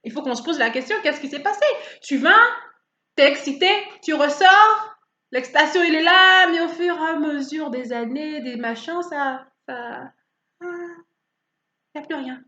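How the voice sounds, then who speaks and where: A woman preaching a sermon in an animated way, asking rhetorical questions and acting out people's attitudes. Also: high voice, normal speed. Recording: roomy, slightly dull recording.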